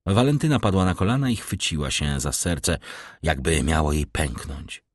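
A man narrating a classic novel as an audiobook in an expressive, declamatory way. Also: a bass voice, moderate pace, no room sound, clean studio sound.

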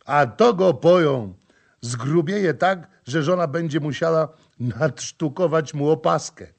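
A proud, cheerful boatman boasts of his freedom and laughs at others in a storybook reading, played by a man. His voice jumps up high and loud with mockery. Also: takes it slowly, gravelly, exaggerated voice. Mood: jeering.

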